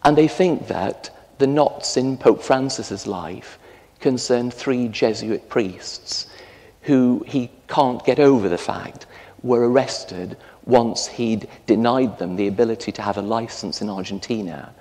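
A man in his fifties with an English accent, a parish priest delivering a storytelling sermon with lively gestures in a large stone church. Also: medium pitch, unhurried. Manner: storytelling, animated gestures while preaching. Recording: long church reverb.

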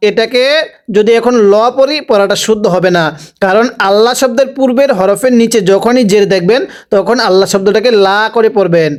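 A man teaching Quran recitation by spelling out each syllable, slowly drawing out the words as he recites them and pausing to explain the rules. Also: sits high, darkish tone. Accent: Bangladeshi Bengali. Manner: slow, drawn-out recitation of syllables, with instructions in between.

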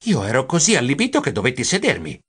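A man narrating an audiobook as a nervous, romantic male mouse, with expressive exclamations that swoop up high. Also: fast talker, breathy edge, exaggerated voice.

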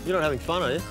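A middle-aged man, chatting casually on a boat at sea as a fishing buddy and explaining the fishing gear in a laid-back way. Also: on the high side.

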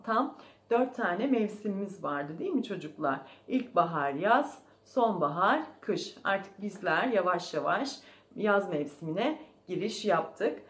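A preschool teacher reading a storybook aloud to young children, gently asking them questions, recorded in an echoey room. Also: female voice, medium pitch.

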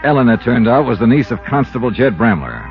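Close to an everyday voice, this medium-pitched American man speaks fairly fast with big pitch swings. He's voicing a skeptical, persistent insurance investigator telling his case in a 1950s radio play, clipped, hard-boiled, brisk and wry. The old recording sounds muffled and has music.

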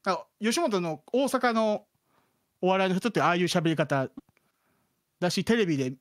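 A man's voice: high-pitched, animated, moderate pace. A man from the Kansai region of Japan, a guest chatting casually with many fillers and self-deprecating asides. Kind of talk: casual chat.

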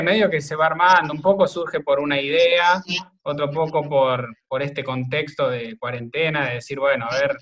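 An Argentine man, a video maker, answering interview questions in a relaxed, rambling way full of fillers. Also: mid-range voice. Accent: Argentine Spanish. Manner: rambling, thinks aloud with many fillers. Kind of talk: casual remote interview conversation.

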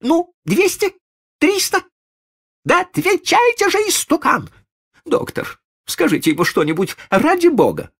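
A man doing a shrill hysterical rich lady. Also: very animated, measured pace, a bit bright, exaggerated voice. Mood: hysterical demanding. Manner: screeching, commanding.

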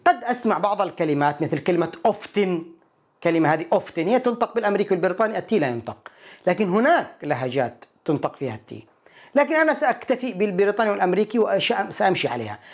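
A man teaching an English pronunciation lesson, explaining each point and repeating words slowly to model them. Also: sits high, very animated, husky.

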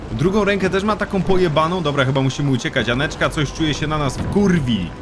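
A young man commenting on a horror game as he plays, swearing often, shouting in panic and dropping to a quiet mutter. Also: a little fast, background noise. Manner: excitable, swears a lot, yells in panic, then drops to a low mutter. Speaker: gaming YouTuber. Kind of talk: let's play commentary. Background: game music.

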